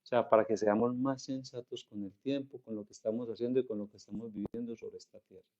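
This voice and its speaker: A male pastor from Colombia with a Colombian Spanish accent, preaching a sermon slowly and deliberately, drawing out the scripture he quotes. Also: medium pitch, fairly even intonation, mellow, highs cut off.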